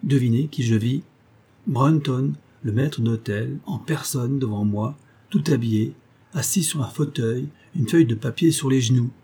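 A man narrating a classic detective story in the first person, measured and steady. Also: on the low side, slightly rough. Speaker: audiobook narrator.

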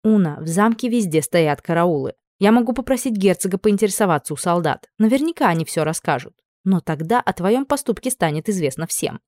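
A woman's voice: lowish voice, lively intonation, fairly quick, hardly any pauses, a little mellow, dry recording, clean studio sound, natural voice. A woman voicing a young noble lady who gives tired, stern commands in an audiobook.

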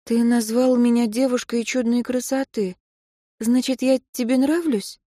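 A woman's voice: on the high side, fairly even intonation, measured pace, mellow, dry recording, clean studio sound, voice pushed up. A woman reading an earnest young woman in love. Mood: pleading. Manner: earnest, pleading. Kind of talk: audiobook reading.

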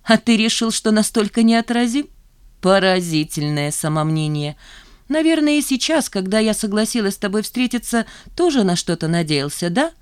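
A woman reading an audiobook, voicing a proud, sharp-tongued young woman. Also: medium pitch, lively intonation, moderate pace, clean tone, no echo, clean studio sound, pitched above the performer's own voice, lightly acted. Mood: bitter, haughty. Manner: haughty, cutting retorts.

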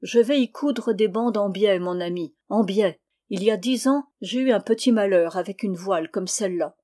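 Hoarse old sea dog guy, woman reading him, bellows and chuckles, braggy. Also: mid-range voice, normal speed, mellow, lightly acted. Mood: grumbling. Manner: chuckles "hu, hu" between boasts.

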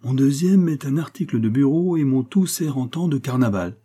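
A man's voice: mid-range voice, lively intonation, normal speed, dark tone, husky, voice pushed up. A man doing a smug, crafty gambler. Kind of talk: storybook reading.

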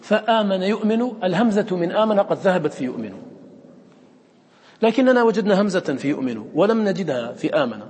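A man's voice: high voice, very animated, quick pace, darkish tone, husky, big-room sound. A man teaching a class on recitation, repeating words aloud and quizzing his students with questions.

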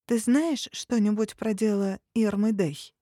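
A woman's voice: mid-range voice, steady tone, a little slow, dark tone, dry recording, studio quality, natural voice. A woman voicing a shy, earnest young female trainee hunter in an audiobook. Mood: hesitant.

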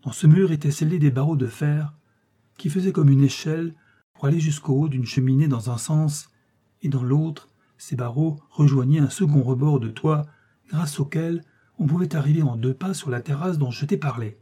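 A man reading a literary story aloud as an audiobook narrator, in a measured, expressive storytelling manner. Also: on the high side, husky.

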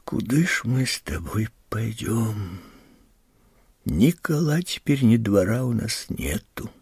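Man reading as a tired quiet village mom, slow and resigned, husky voice. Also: fairly low pitch, no echo, clean studio sound, full character voice. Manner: quiet, resigned, rustic speech. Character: weary downtrodden village mother, soft and sighing.

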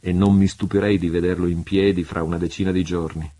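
A man's voice: sits low, little pitch movement, fairly quick, dark tone. A man voicing a courteous older English lord who speaks in a polite, formal way.

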